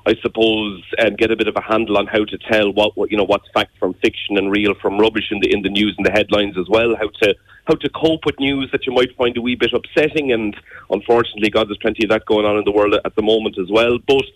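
A man's voice: on the low side, flat delivery, quick pace, dry recording, poor audio. A young Irish man with a Wexford accent, chatting as a radio interview guest in a wordy way, repeating words as he thinks aloud. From Wexford, Ireland.

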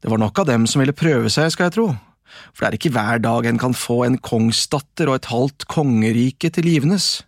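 A storyteller narrating a folk tale in a lively, expressive way. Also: mid-range voice, no room sound, clean studio sound.

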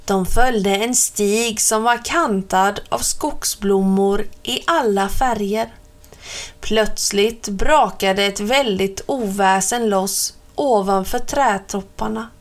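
A woman hosting her own channel, reading a children's story aloud with clear, expressive storytelling. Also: mid-range voice. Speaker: reader, channel host.

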